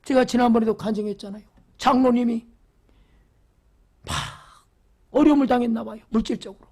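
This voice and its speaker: Pastor's sermon, husky voice, fervent, loud exclamations and sudden whispers, rhetorical questions. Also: medium pitch, brisk. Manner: repeats phrases for emphasis, asks the congregation rhetorical questions. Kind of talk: Wednesday church sermon.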